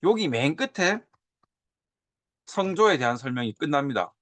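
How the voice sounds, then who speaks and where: 옛 문헌을 보여 주며 예시 발음을 되풀이해 가며 강의하는 남자 교사. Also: male voice, on the high side, moderate pace, no room sound. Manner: animated, drawls and repeats example sounds. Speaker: teacher. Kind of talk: lecture on old Korean script.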